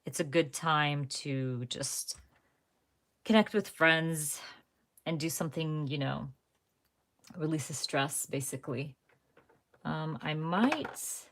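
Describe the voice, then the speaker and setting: With a bass voice and vocal fry, a young woman runs a live crafting stream. She rambles casually to her viewers and frequently corrects herself mid-sentence.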